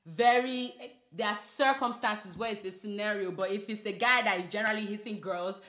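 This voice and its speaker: Bright-voiced young woman chatting. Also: mid-range voice, moderate pace, roomy sound, a little hiss or hum. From Nigeria. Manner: animated, laughing, swearing, many "like" fillers. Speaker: podcast co-host. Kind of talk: casual chat.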